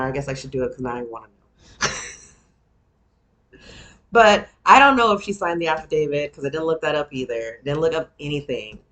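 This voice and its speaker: A Texan woman in her thirties with a twang and a bass voice that's a bit bright hosts a podcast recapping a reality show. Chatting alone, she rambles casually and self-deprecatingly, laughing often.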